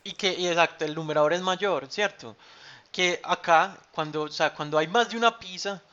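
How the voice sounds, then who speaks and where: Bright-voiced man teaching math. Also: high voice, moderate pace. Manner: patient, repeats key terms with frequent ¿cierto?. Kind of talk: online math class. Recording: dull lo-fi sound.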